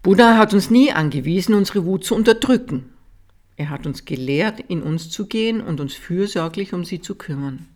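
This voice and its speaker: A calm, steady reading voice delivers a Buddhist teaching text at a measured pace. It drops softer and slower on the important sentences and keeps an even, unhurried audiobook delivery. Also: medium pitch. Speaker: reader.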